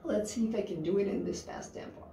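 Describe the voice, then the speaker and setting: A woman in her thirties teaches piano casually in a studio room with a grand piano, chatting and thinking aloud with fillers. Her mid-range voice is mellow with vocal fry and she talks fast; a distant camera mic makes the recording roomy, with the piano present and a little hiss or hum.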